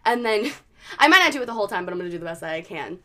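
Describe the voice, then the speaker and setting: A woman's voice: medium pitch, big pitch swings, rapid-fire, a bit bright. A woman hosting a podcast, telling a case story in a chatty, casual way with lots of fillers. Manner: chatty, many likes and ums. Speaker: podcast host.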